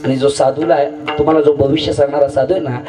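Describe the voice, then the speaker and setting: Man, kirtan preacher, high voice, distant mic, faint music behind. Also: level tone, quick pace. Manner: sing-song preaching, swooping pitch, repeats lines to the crowd. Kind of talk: kirtan sermon with storytelling.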